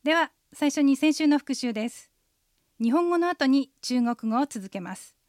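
A woman hosting a radio language lesson, calmly guiding listeners through the phrases. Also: high voice, normal speed, no room sound, studio quality.

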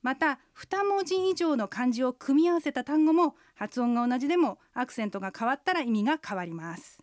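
A woman co-hosting a radio language lesson, slowly and carefully explaining how sounds are pronounced. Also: high voice, expressive, dry recording, studio quality. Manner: slow, careful explanations of pronunciation. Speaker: Chinese language instructor and co-host. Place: radio studio.

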